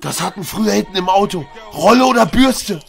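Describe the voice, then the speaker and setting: A man streaming, who reads a story aloud and chats casually, talking loudly and boisterously and breaking into shouts. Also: sits high, expressive, a little fast, gravelly. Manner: loud, boisterous, bursts into shouts. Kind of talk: reading a story aloud, then casual chat.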